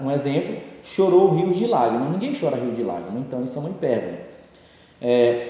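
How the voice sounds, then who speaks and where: A man's voice: on the high side, dark tone. A man giving an exam-prep grammar lesson, explaining each term through examples and leaning on fillers like "então" and "né". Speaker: teacher. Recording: echoey room with long reverb.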